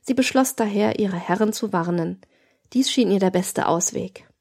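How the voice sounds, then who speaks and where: A woman narrating a classic novel as an audiobook in a steady, even reading. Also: medium pitch, moderate pace, gravelly, breathy edge. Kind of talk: scripted narration.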